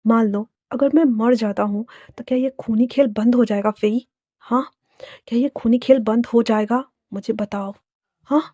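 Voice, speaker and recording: A woman voicing a young mafia man who speaks softly and earnestly, ready to sacrifice himself. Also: a little high, steady tone, normal speed, no echo, muffled recording, natural voice. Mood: pressing. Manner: soft, quiet, earnest.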